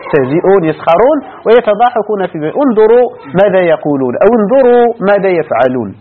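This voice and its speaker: A man's voice: high-pitched, sing-song, rapid-fire, slight background noise. A man with a Moroccan accent teaching a lesson of Quran commentary, going through the text verse by verse and asking his class rhetorical questions. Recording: tinny phone-like lo-fi recording.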